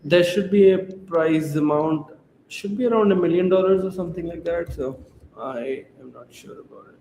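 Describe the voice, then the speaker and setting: A man co-hosting a casual crypto show, explaining things in a measured way. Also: on the high side, dark tone. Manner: measured, explanatory, frequent "to be honest". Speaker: co-host. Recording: echoey room with faint hiss.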